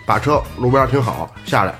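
A man's voice: mid-range voice, expressive, fairly quick, fairly bright tone, faint music behind. A man with a Beijing accent chatting casually and explaining things step by step in colloquial, repetitive phrases. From Beijing area, China. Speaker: podcast panelist. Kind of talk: casual chat, storytelling.

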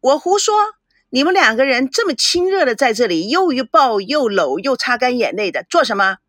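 A woman voicing a spoiled, quarrelsome young woman in an audiobook, sharp and accusing. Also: a little high, big pitch swings, moderate pace, no room sound, clean studio sound. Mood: taunting.

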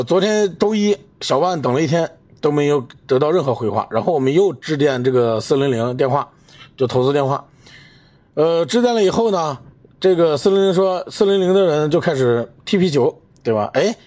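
A man's voice: fairly high pitch, darkish tone. Indignant man ranting on his podcast. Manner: indignant, emphatic, addresses listener with rhetorical questions. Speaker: podcast host. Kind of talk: solo commentary rant.

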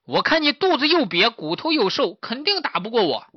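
A man's voice: very high voice, sing-song, a little fast, no echo, muffled recording, pitched above the performer's own voice, full character voice. A man voicing a brave, cheeky little boy piglet in a storybook, bold and teasing.

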